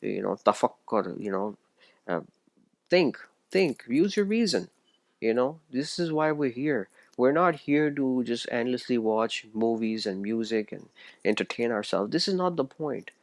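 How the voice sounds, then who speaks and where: Speaking at a measured pace with lively intonation, a man from Pakistan gives a solo religious monologue as a video essayist. He's earnest and preachy, frequently tripping over and restarting his phrases. His voice is medium-pitched, with no echo.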